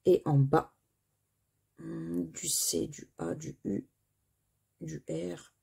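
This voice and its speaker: A woman's voice: low-pitched, fairly even intonation, drawn-out words, vocal fry, mellow, husky. A woman with a French accent chatting to viewers while she scratches crossword lottery tickets and reads out letters and words.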